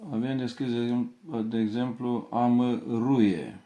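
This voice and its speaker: Bărbat cu voce caldă, repetând rar silabe. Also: male voice, mid-range voice, dark tone, echoey room. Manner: repeats each syllable several times slowly, dictation-like. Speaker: shorthand teacher. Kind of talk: spoken shorthand lesson.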